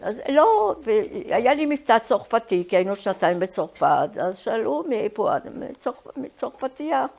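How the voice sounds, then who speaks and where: A woman in her eighties sharing personal memories in a reminiscing style, often halting to search for words. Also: medium pitch, sing-song, darkish tone. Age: 80s. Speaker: Holocaust survivor giving testimony.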